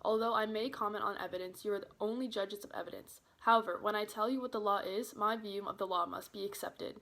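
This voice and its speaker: A woman's voice: medium pitch, fairly even intonation, fast talker, a bit bright, close to an everyday voice. A woman playing a judge who gives formal instructions to a jury in an amateur courtroom role-play. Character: formal female trial judge. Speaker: judge in a mock trial.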